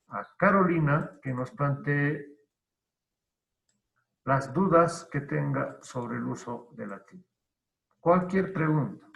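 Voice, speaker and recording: Slow, deliberate male teacher in a roomy room. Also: medium pitch, gravelly. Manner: deliberate, repeats key terms, asks and answers own questions. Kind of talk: online grammar lesson. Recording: roomy, dull lo-fi online class audio.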